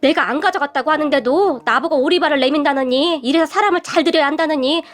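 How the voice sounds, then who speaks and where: A woman's voice: high-pitched, quick pace, natural voice. A woman doing a weary, proud housekeeper mother. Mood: indignant. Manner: stubborn, sighing, indignant then pleading. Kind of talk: storytelling narration.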